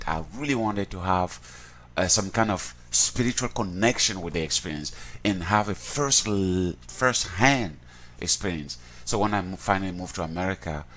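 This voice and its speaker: A man's voice: fairly low pitch, fairly bright tone, a little hiss or hum. A man from Cameroon, telling his own story in an interview in an earnest way, often repeating words and restarting. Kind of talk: reflective personal account.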